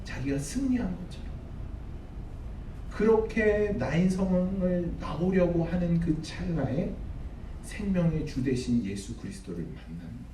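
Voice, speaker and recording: A man's voice: high-pitched, sing-song, a little slow, warm tone, a little hiss or hum. A man preaching a sermon as pastor, dramatic, acting out the figures he quotes. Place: church sanctuary. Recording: echoey hall, mic at a distance.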